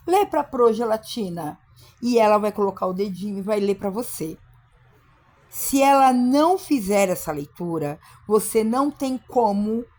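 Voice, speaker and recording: A woman's voice: medium pitch, darkish tone. A woman giving an instructional talk to teachers, speaking emphatically and acting out short classroom dialogues. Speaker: teacher trainer.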